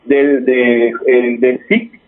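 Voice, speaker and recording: A man's voice: medium pitch, level tone, drawn-out words, narrow, tinny audio. A man with an Argentine accent chatting casually as a guest, rambling and restarting his sentences. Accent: Argentine Spanish. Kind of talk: casual conversation.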